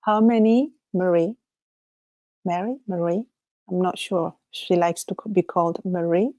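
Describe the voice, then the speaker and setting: Her voice sits on the low side, warm and measured, as this Chilean livestream host muses aloud in a casual solo chat. Spanish is her first language and she has a Chilean Spanish accent, laughing often and breaking off thoughts to start again. The recording is dry.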